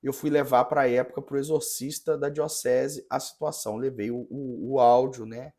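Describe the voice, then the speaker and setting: A man's voice: mid-range voice, fairly even intonation, a little mellow. Priest guy telling his story on a podcast, earnest, keeps restarting his sentences. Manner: earnest, halting, many restarts. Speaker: parish priest guest.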